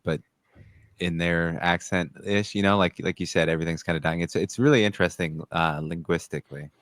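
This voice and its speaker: A man's voice: low-pitched, dry recording. A man co-hosting a podcast in casual chat, talking in a dry, wry, reflective way. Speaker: podcast co-host.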